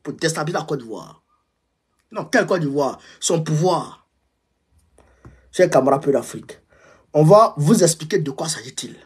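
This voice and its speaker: High-pitched, husky man making fiery revolutionary-style addresses. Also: expressive, normal speed, long pauses. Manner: emphatic, repeats phrases for effect. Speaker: political commentator addressing followers.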